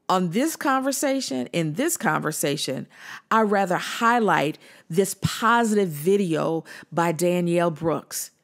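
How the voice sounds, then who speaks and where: A woman, a body liberation coach, giving earnest commentary to the camera, often repeating and restarting words for emphasis. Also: mid-range voice.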